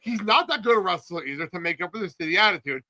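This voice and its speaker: A man co-hosting a podcast, chatting in a blunt, excitable way and laughing often. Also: high voice, quick pace, no echo. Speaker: podcast co-host. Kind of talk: casual chat.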